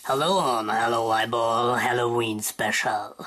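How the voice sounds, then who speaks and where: A woman's voice: rumbling low, steady tone, a little slow, fairly bright tone. A woman hosting a drawing tutorial, talking her way through a sketch and searching for words in English as she goes. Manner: thinking aloud while sketching.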